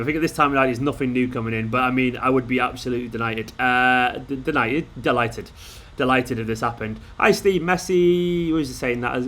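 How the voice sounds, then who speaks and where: A man hosting a late-night live stream, chatting excitably and bantering with viewers while reading their comments out, sounding tired. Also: medium pitch.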